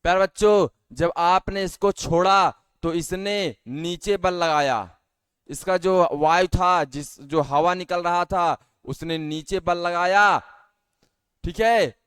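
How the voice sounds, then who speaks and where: Slow, clear-voiced male teacher. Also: high voice, a bit bright, no echo. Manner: patient, asks questions and answers them himself; calls the students dear children often. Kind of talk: science lesson for schoolchildren.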